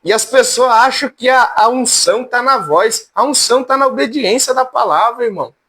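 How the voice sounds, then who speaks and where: A man with a strikingly high, cracked voice leads a relaxed church class. He jokes along in a folksy way and keeps calling on students by name. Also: normal speed. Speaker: Bible teacher. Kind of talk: informal church class lecture.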